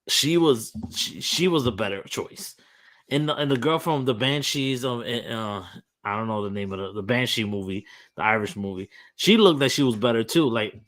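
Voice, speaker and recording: A young man hosting a podcast, talking in an animated, emphatic rant full of restarts. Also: medium pitch. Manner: frequent restarts and fillers. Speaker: podcast host. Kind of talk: casual opinionated chat.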